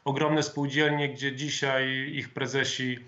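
A man in his thirties, a member of parliament, answering interview questions over a video call in a measured, formal way with some hesitant fillers. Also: medium pitch, level tone, pushed and bright. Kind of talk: political interview. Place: home office with flag, indoors. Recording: dull lo-fi video call audio.

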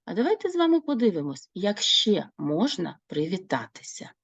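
A woman teaching a French class, her pitch rising and falling a lot. Her voice has a gravelly, creaky edge. She talks slowly and clearly, repeats words for her learners, and the sound is close and dry. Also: very animated, no echo. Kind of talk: online language lesson.

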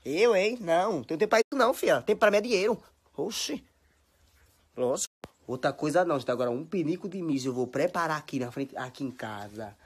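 Her voice is deep, animated, slightly rough and a touch fast. This young woman, a social media personality with a Bahian Brazilian Portuguese accent, chatters and scolds in an exaggerated, dramatic monologue recorded on her phone at home.

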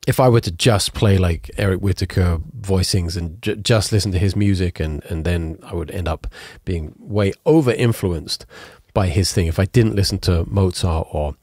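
Playing his own piano as he talks, this podcast host in his thirties sounds congested and stuffy, speaking into a studio mic on a boom arm with headphones on in his home music studio. The voice is low, darkish and slightly rough, moderately paced with few pauses and no echo. His solo talk is casual, rambling and frank, full of self-corrections.

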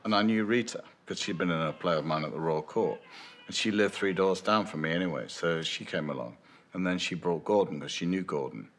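A man's voice: sits low, fairly quick, a bit bright, slight background noise. An older man, a screenwriter, answering interview questions in a thoughtful, musing way, often restarting phrases and adding "you know". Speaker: screenwriter interviewed about his film. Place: dim indoor room with lamps behind. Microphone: medium shot, seated, unseen mic.

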